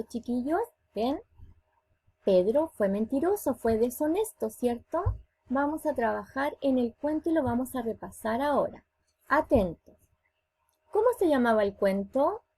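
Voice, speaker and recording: A woman teacher with a Chilean accent talking to young children in a virtual class, animated and coaxing, asking them questions. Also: high-pitched, slightly rough. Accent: Chilean Spanish. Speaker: schoolteacher.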